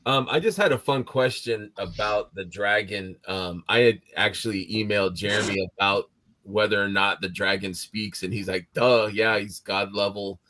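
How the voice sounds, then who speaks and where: A man's voice: lowish voice, moderate pace, sharp tone, no room sound. A man hosting a live panel chat, asking questions in a casual, hesitant way with many fillers. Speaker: host.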